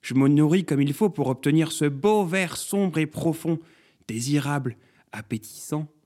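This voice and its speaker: A vain, plump zucchini lady, as a man puts her on, raised in pitch and a little distant from the mic, savoring her own beauty and slow on the uptake. A fond storybook side character. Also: expressive, mellow. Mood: preening. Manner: preening, slow to understand.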